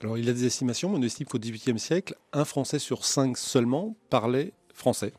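A man, a journalist guest on a radio talk show, explaining at length in a measured, lecturing way. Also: medium pitch, expressive, darkish tone, no echo. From southwest France.

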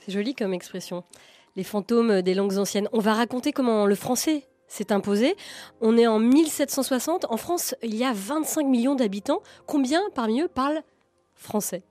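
A woman co-hosting a radio talk show, lively, telling an anecdote and reading out questions and teasers. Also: on the high side, moderate pace, dry recording. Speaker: radio co-host.

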